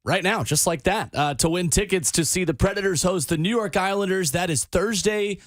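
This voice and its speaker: A male radio host delivers a contest promo in a fairly high voice. The sound is dry and close, as in a studio. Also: normal speed, a bit bright, dry recording.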